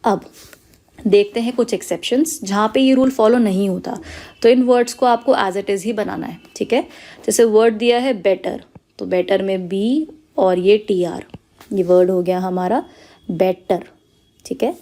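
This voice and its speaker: This woman's voice is medium-pitched and dark in tone, and she speaks unhurriedly. Teaching stenography step by step, she patiently lays out each shorthand rule with English terms mixed in, often checking comprehension with "clear?" and "okay".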